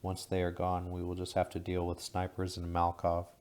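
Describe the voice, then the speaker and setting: A man voicing a calm, cold male rebel leader who speaks quietly and evenly in an audiobook. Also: low-pitched, slight background noise, lightly acted. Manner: quiet, measured, unhurried.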